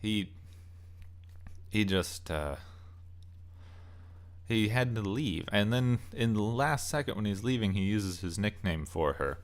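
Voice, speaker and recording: A channel host with a fairly low, expressive voice speaks slowly, leaving long pauses. His talk is an offhand opinion rant about game movies, delivered as broken, thinking-aloud phrases.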